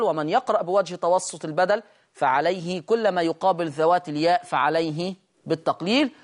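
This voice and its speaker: A man with an Egyptian accent teaching a Quran recitation lesson, drawing out each example word slowly as he demonstrates it. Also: high-pitched. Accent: Egyptian Arabic. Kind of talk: recorded tajweed lesson.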